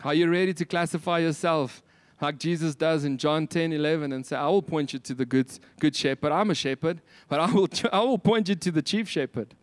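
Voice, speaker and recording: A man's voice: a little high, brisk, hardly any pauses, no echo. A man with a South African Afrikaans accent preaching a sermon, emphatic, with repeated phrases and rhetorical questions.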